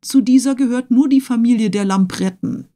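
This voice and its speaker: A woman's voice: fairly high pitch, a little fast, dark tone, pitched above the performer's own voice, lightly acted. A woman doing Conseil, a pedantic lecturing servant. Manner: lecturing, precise listing. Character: pedantic learned male servant, tireless.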